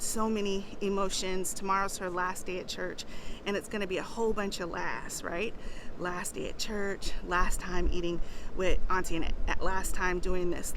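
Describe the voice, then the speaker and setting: A middle-aged woman and mother talking heartfelt and casual to her viewers outdoors, at times turning prayerful. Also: lowish voice. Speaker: vlogger, mother. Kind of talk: personal vlog talk. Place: outdoors in wind. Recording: outdoor phone recording with wind noise.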